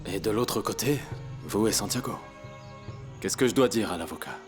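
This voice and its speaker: A man's voice: fairly low pitch, animated, moderate pace, music in the background, natural voice. An actor dubbing a scheming man who persuades someone to take over land, wheedling and persuasive. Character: man, smooth-talking and scheming go-between. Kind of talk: dubbed telenovela acting.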